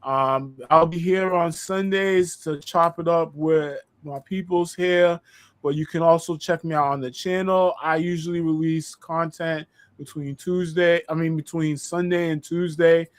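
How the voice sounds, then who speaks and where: A man's voice: fairly high pitch, fairly even intonation, unhurried, clear, resonant tone. A man from Boston with a pseudo New York accent, a guest on a casual podcast who talks in a loose, rambling way with lots of fillers. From Boston, Massachusetts. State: recovering from dental surgery. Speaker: guest content creator.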